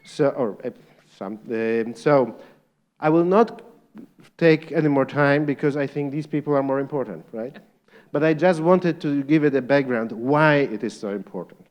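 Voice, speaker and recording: A man's voice: mid-range voice, moderate pace, darkish tone. A middle-aged man with a Polish accent moderates a live panel, asking the audience questions and often chuckling as he speaks.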